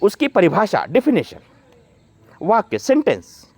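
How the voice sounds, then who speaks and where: A man's voice: sits high, wildly swooping pitch, a little mellow, breathy edge, dry recording. A man giving a grammar lesson, explaining definitions and reading out pairs of words one after another. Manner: explains slowly, listing word pairs one by one. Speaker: Hindi grammar teacher. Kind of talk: classroom-style grammar lesson.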